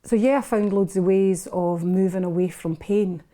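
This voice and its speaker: A woman's voice: medium pitch, moderate pace, mellow. A Scottish woman in her fifties, a podcast guest, telling her life story in a frank, unguarded way with frequent restarts. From Scotland. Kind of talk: candid personal storytelling in a casual interview.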